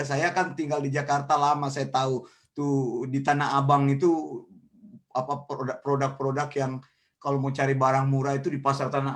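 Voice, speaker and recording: A man preaching a sermon with storytelling and acting out voices in his anecdotes. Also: medium pitch. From Indonesia. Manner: animated, acts out voices in anecdotes, rising to shouts. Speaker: pastor. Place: church meeting.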